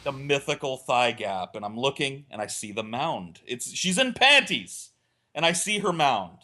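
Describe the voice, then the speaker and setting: A man of medium pitch, speaking at a moderate pace, recounts a rude, wandering anecdote for laughs on a casual podcast, voicing each quote with animation.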